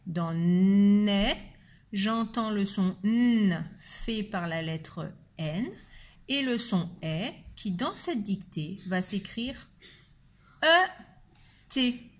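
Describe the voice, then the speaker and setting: A woman teacher giving a spelling dictation, speaking slowly and deliberately and repeating each word with care. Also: mid-range voice, expressive. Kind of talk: slow spelling dictation lesson.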